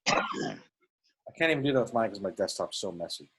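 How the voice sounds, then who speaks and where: A man with a husky voice chatting casually with friends on a video call. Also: fairly low pitch, sing-song, moderate pace, fairly bright tone. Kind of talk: casual group video chat. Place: indoors on a computer video call.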